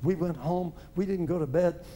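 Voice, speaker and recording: A man preaching a testimony as a story, animated, with stammered repeats and chuckling asides. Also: a little high, normal speed, a little hiss or hum.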